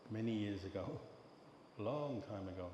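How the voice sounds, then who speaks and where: An older English man, a Buddhist monk, giving a dharma talk in a calm, measured storytelling way. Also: fairly low pitch. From England. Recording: echoey hall with long reverb and background noise.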